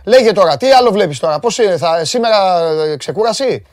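A man hosting a casual sports talk show, animated and quick to jump in. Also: high voice, a little hiss or hum. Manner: animated, interrupting, leads the segment. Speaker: host.

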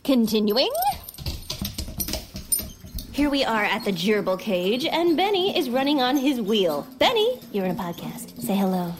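A woman's voice: fairly high pitch, very animated, a little slow, pauses often, soft background music. A woman voicing an eager, chatty pet dog who hosts a podcast, bouncy and easily distracted, in a children's audio comedy.

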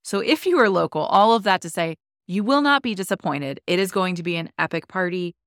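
Brief: young woman podcast host, lilt, chatty and upbeat, lowish voice, dry close sound. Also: expressive, fairly quick, a bit bright, dry recording. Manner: chatty and enthusiastic, many likes. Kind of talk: casual chat.

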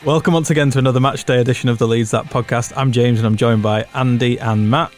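A man's voice: mid-range voice, fairly even intonation, quick pace, soft background music. Man hosting a football podcast. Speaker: podcast host. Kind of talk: casual sports chat.

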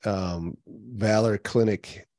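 A man interviewing someone casually, giving brief, low-key responses and questions. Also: steady tone, very slow, dark tone, no echo.

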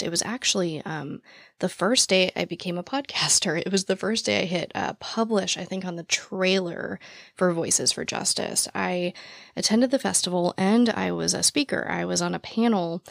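A young woman hosting a true crime podcast, with a naturally raspy voice, talking very fast and out of breath, with laughs and fillers. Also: on the low side, no room sound, clean studio sound. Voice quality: naturally raspy voice with vocal fry. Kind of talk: casual chat to listeners. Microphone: podcast mic, standing while recording.

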